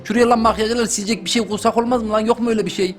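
Faint music plays behind a young man's high-pitched, very fast commentary as he plays a game for his channel. He's excitable and jokey, talking right to his audience.

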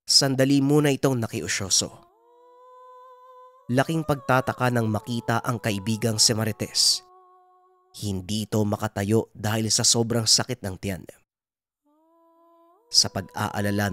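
A man narrating a folk horror story in a steady, subdued telling. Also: fairly low pitch.

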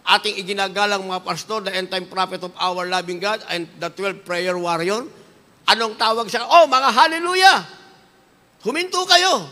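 A woman's voice: on the low side, fairly even intonation, moderate pace, bright, forceful tone, long reverb tail. A woman preacher giving an impassioned sermon, fervent and repetitive, slipping between languages. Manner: fervent, repeats "beloved" refrain, switches into English.

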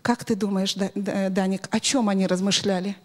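A middle-aged woman teaching children through an interactive story, expressive and instructive, often putting questions to them, speaking into a handheld microphone in a hall. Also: medium pitch, normal speed. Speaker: children's Sunday school teacher. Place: large bright church hall with audience of children.

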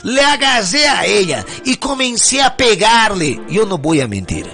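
A man's voice: high voice, very animated, unhurried, vocal fry, sharp tone. A man narrating his own story in a confessional, agitated way, with music behind. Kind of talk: dramatized true-story narration.

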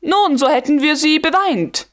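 A woman reading the lines of a smug, carefree young male guard lieutenant in an audiobook, calm and teasing. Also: very high-pitched, normal speed, pitched above the performer's own voice. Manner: calm, self-satisfied, teasing. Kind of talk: audiobook dialogue.

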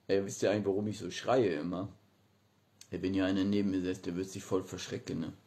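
A man's voice: low-pitched, little pitch movement, moderate pace, warm tone. A middle-aged man hosting a casual livestream from a small room, talking colloquially and often tagging remarks with a short question. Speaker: livestream host. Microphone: phone at arm's length.

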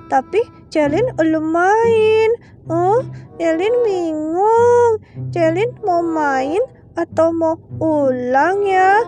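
A woman voicing a little toddler girl in a game-animation fan drama, with lisping baby talk and a slow, hesitant, soft delivery. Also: very high-pitched, faint music behind, full character voice. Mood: puzzled.

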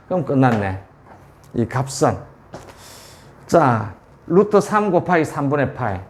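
Man, math tutor, slow deliberate delivery, slightly high voice, repeats values, keeps checking understanding, faint room hiss. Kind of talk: whiteboard calculus lesson.

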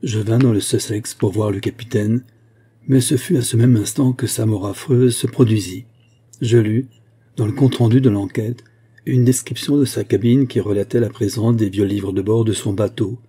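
A man voicing an anxious young man giving a long, earnest and measured account in an audiobook reading. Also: on the low side, steady tone, dark tone, husky.

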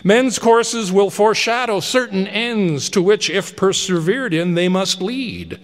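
A man's voice: high-pitched, expressive, unhurried, pitched above the performer's own voice. Scrooge, a man voicing an impassioned old miser. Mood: pleading. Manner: impassioned, exclamatory. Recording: long reverberant hall.

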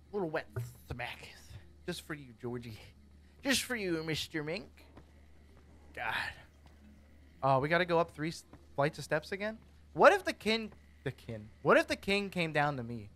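A man chatting loosely over his gameplay, cracking jokes and talking back to the characters. His voice sits slightly high and swings widely in pitch. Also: wildly swooping pitch, a little slow, creaky, pauses often, a bit bright. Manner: goofy, rambling, jokey, talks to characters. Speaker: gaming streamer. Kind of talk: casual gameplay commentary.

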